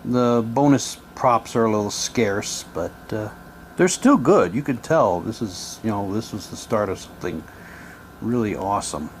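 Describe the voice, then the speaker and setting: In an animated, lowish voice at a moderate pace, a presenter shows off audio drama props. He shifts between casual remarks and reading printed material aloud, with noticeable noise in the background.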